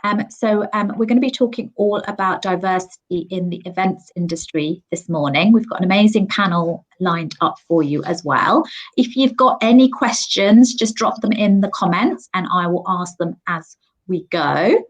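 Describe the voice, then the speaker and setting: A woman in her forties, from Sri Lanka and raised in England, hosts a live online panel from home on a computer mic, so the audio is poor. Chatty and upbeat, she uses frequent ums, with a medium-pitched voice at normal speed.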